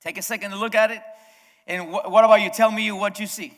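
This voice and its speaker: In an echoey church hall, a male pastor whose first language is Spanish preaches conversationally, addressing the congregation directly and often restarting sentences. His high-pitched, fairly bright voice is fast and steady in tone.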